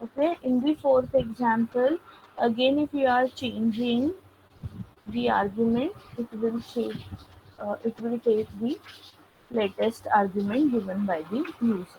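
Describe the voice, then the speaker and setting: A woman's voice: a little high, steady tone, highs cut off, a little hiss or hum. A woman teaching a programming lesson over a video call, explaining step by step and often saying okay. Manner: explanatory, fills pauses with okay. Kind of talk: online programming lecture.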